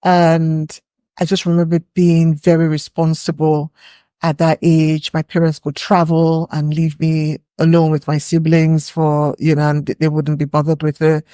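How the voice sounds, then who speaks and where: A woman's voice: low-pitched, monotone, a little slow, dark tone, smooth, no room sound, studio quality. A woman from Nigeria with a Nigerian accent, a podcast guest reflecting on her past in casual conversation. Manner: reflective, recalling memories at an easy pace. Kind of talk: casual interview chat.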